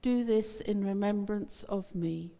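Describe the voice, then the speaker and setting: A woman priest leads communion in a measured, solemn intoning voice, heard in a long cathedral echo. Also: medium pitch, creaky, dark tone. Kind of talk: reciting a liturgical prayer. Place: large church. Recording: cavernous church reverb, distant.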